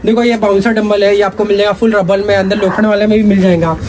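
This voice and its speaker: A man, giving a rapid, repetitive sales pitch while showing gear in a cluttered indoor shop, filmed close up. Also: flat delivery, darkish tone. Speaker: gym equipment seller.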